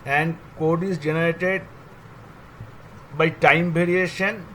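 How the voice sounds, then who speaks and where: An older man with an Indian English accent gives a technical explanation at a very slow, unhurried pace. His voice sits a little high for a man, and he works haltingly through lists, one item at a time. A faint hum of noise runs underneath. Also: steady tone, bright, forceful tone, poor audio. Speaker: railway electrical engineer.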